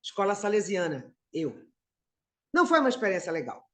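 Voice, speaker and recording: A woman's voice: medium pitch, very animated, fairly quick. A middle-aged woman from Brazil giving a conversational spiritist lecture, calling her listeners brothers and sisters.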